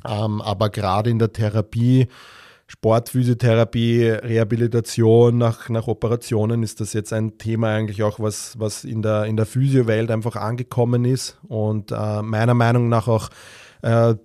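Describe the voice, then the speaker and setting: Halting man, low flat voice. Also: no room sound, clean studio sound. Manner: halting, many fillers and restarts. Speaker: sports physiotherapist podcast host. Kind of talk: solo podcast talk.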